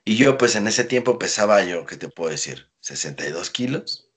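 A man's voice: fairly low pitch, normal speed, husky. A man from Veracruz, Mexico, with a Mexican accent, telling a long anecdote as a podcast guest and acting out what others said. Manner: animated storyteller, acts out quotes. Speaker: guest wrestler. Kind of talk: casual anecdote in a podcast interview.

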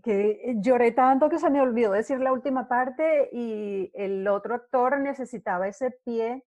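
A middle-aged actress tells stories in a casual interview, animatedly acting out the scenes she describes. Her voice is on the high side at a moderate pace, with no room sound.

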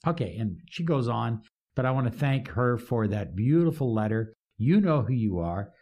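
A man hosting a motivational podcast, talking with enthusiastic, preacher-like emphasis and drawn-out phrases. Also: mid-range voice, lively intonation, warm tone. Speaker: podcast host and life coach. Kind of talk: upbeat motivational podcast talk.

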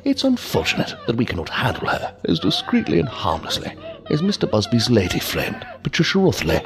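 Over music, a man with a medium-pitched voice swoops wildly up and down at a brisk pace. He plays a sinister, courtly, unhurried villain in a science fiction audio drama, an inhuman interrogator posing as a gentleman, verbose and mockingly polite in a mannered, theatrical way. The mood is mocking and menacing.

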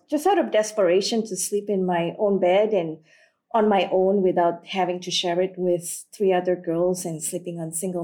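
Speaking in a fairly low, mellow voice, a middle-aged sales executive from Malaysia shares candid anecdotes about her career as a guest in an interview, often using fillers.

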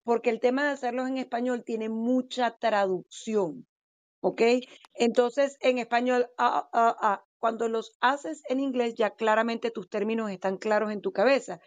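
A woman's voice: a little high, a little slow, dry recording. A woman giving real estate seminar advice, speaking emphatically and questioning her audience directly. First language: Spanish. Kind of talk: instructive panel talk.

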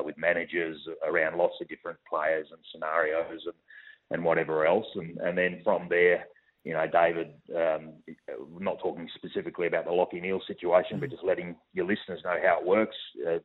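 An Australian man, a football club executive, answering radio interview questions over the phone in a measured way with many fillers and restarts. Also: low voice. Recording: tinny phone line.

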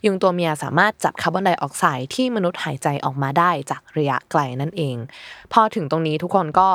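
A woman's voice: deep voice, fast talker, a bit bright, dry recording. A woman hosting a casual podcast, chatting and explaining facts with easy laughter. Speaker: host.

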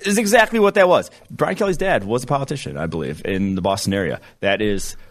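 A man with a very low voice co-hosting a sports podcast, easygoing and rambling as he breaks down teams and coaches. He talks casually, full of filler words. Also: animated, fast. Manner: laid-back, rambling analysis with fillers. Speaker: podcast co-host.

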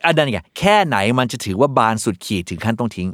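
A man's voice: mid-range voice, lively intonation, fast, fairly bright tone, no room sound, studio quality. A man co-hosting a podcast in a casual chat, jokey and teasing, explaining words with everyday examples. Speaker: podcast co-host.

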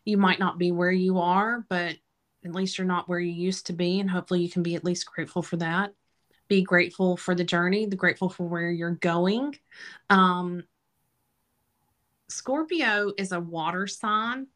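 A woman's voice: fairly low pitch, steady tone, normal speed, a bit bright. A woman giving casual spiritual guidance as a forecast host, talking emphatically and straight to her listeners. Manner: emphatic, addresses listeners directly as y'all.

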